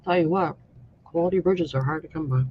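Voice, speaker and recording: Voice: medium pitch, a little fast, dull audio, slight background noise. A co-host chatting casually and playfully on a livestream, teasing and joking.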